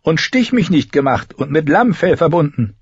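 Male reader doing a desperate young queen in an audiobook, pitched up, husky, urgent. Slightly dull recording. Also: big pitch swings, normal speed, dry recording, heavily acted. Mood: pleading, desperate. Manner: urgent, pleading.

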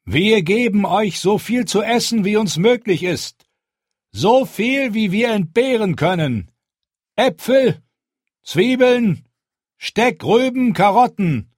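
A man's voice: high-pitched, lively intonation, slow pace, slightly rough, dry recording, clean studio sound, pitched above the performer's own voice, full character voice. Jon Snow, a man voicing a stern young commander. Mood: firm. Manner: forceful, rallying speech. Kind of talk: audiobook character voice.

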